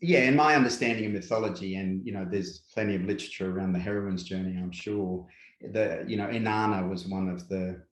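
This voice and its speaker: An Australian man with a lowish voice talks through ideas in an unhurried, reflective way, often dropping in "yeah" and "yep". His voice carries a noticeable room echo. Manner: unhurried, filler-heavy, repeats "yeah" and "yep". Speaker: guest speaker, workshop presenter. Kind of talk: reflective conversational interview.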